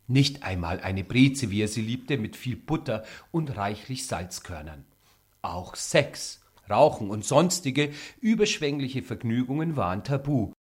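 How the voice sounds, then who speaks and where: A man reading a prose excerpt aloud in an expressive literary style. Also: medium pitch, measured pace, slightly rough. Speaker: reader of a novel excerpt.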